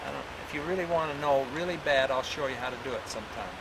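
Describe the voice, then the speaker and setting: A man's voice: mid-range voice, very fast. Man on a hissy old VHS tape. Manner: folksy and rambling, with many restarts. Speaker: teacher of herbal remedies leading a group outdoors. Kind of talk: informal step-by-step spoken instruction. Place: outdoors by a road during a walk. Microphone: camcorder mic at a distance. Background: loud outdoor ambience with passing vehicles.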